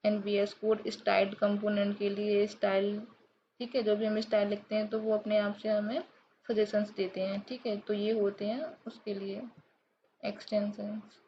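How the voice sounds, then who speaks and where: A woman's voice: medium pitch, little pitch movement, normal speed. A woman teaching a programming lesson while she codes on screen, explaining step by step and checking in often with her viewers. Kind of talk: screen-recorded coding tutorial. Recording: dull lo-fi mic, faint hiss.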